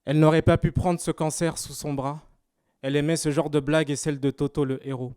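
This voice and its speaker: A man's voice: a little high, little pitch movement, a little fast, a little mellow, smooth, no room sound, studio quality. Parisian man performing slam poetry. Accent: Parisian French. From France, Paris. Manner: rhythmic rhymed spoken-word delivery. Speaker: slam poet. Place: live exhibition opening, indoors.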